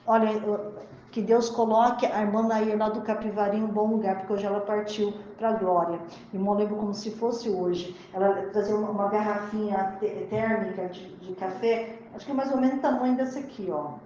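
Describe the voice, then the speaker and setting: A woman's voice: medium pitch, steady tone, a little fast, warm tone. Echoey woman preaching. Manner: emotional, repeatedly addresses the brothers and sisters. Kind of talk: sermon with personal testimony. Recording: echoey, muffled, slightly noisy recording.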